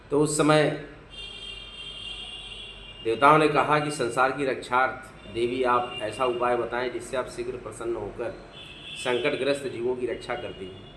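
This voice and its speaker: A man giving a devotional talk, earnestly urging listeners and chanting long lists of sacred names in a steady rhythm. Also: medium pitch, roomy sound, slight background noise, poor audio. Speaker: devotional speaker. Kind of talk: devotional talk with mantra recitation.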